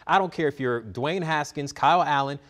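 A middle-aged man hosting a TV sports show from a studio, joking and emphatic in lively banter. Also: on the high side, fairly quick.

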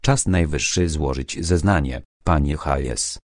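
A man reading a calm, ironic old detective. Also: extremely low pitch, slow, dry recording, studio quality, heavily acted. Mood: stern. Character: calm ironic retired older British detective.

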